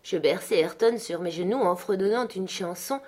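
A woman narrating a literary audiobook in measured, clear storytelling. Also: lowish voice, a little mellow.

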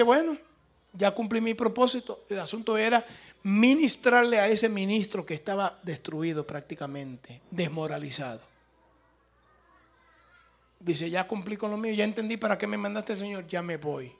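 A man with a high voice preaches to his congregation, telling a story with lively swings from loud exclamations to hushed quoted lines. He speaks to the listeners directly, in an animated sermon style. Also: normal speed, vocal fry.

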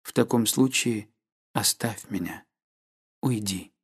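A man reading an audiobook, playing a brooding, fearful young nobleman in a low, grave voice. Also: slow pace, breathy edge. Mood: cold. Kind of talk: audiobook character voice.

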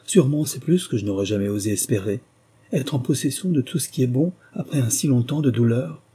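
A man reading an audiobook and voicing an earnest young male soldier who speaks slowly. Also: medium pitch, expressive, dark tone, husky. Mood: elated.

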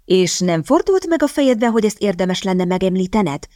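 A woman voicing a quick-witted, scheming young woman in a storybook reading, speaking in a sharp, hissing, urgent way. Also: mid-range voice, lively intonation, no room sound, clean studio sound, pitched above the performer's own voice, close to an everyday voice.

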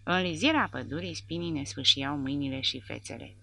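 Low gravelly woman narrating. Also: a bit bright. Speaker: audiobook narrator. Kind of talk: scripted audiobook narration.

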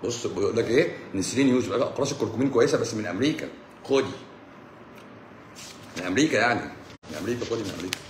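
A rapid-fire Egyptian man in his forties answers comments on a live stream with mocking sarcasm. He jumps from loud, exasperated bursts to low mutters. His voice rings around an echoey room. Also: animated, a little hiss or hum. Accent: Egyptian Arabic. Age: 40s. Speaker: doctor hosting a live stream.

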